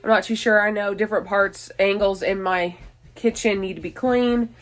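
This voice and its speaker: A twenty-something mom vlogger rambles to her viewers inside a small, busy home, stumbling over fillers and restarts. Slightly out of breath from allergies, she talks at a moderate pace with a plain mid-range pitch and fairly even intonation.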